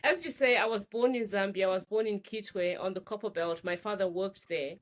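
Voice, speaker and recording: This middle-aged Zimbabwean author is a guest in a relaxed, casual interview, speaking in a mid-range voice. She is animated and laughs easily, often repeating words while she thinks.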